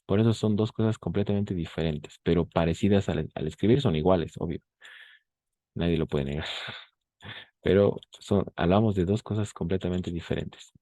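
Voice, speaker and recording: Deep-voiced patient man teaching French. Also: warm tone, no room sound. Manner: patient, repeats French examples slowly, checks in with "¿no?" and "ujú". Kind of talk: online class explaining French grammar in Spanish.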